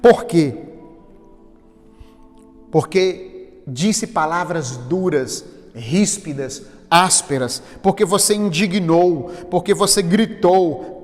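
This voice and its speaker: A man preaching a sermon, building emphatic, rhythmic lists of words. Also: high voice. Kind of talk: sermon with story. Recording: reverberant hall.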